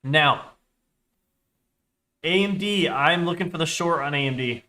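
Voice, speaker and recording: Speaking unhurriedly in a fairly high, bright and forceful voice, a stuffy-sounding young man rambles through casual talk on a live trading stream. He reads chat aloud and corrects himself along the way.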